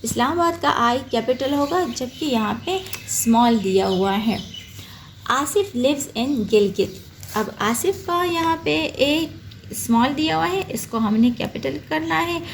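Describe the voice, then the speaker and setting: A woman teacher with a Pakistani accent explaining a school lesson slowly and patiently, sounding out words one at a time. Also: high voice, lively intonation, slight background noise. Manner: slow, patient, spells out each word.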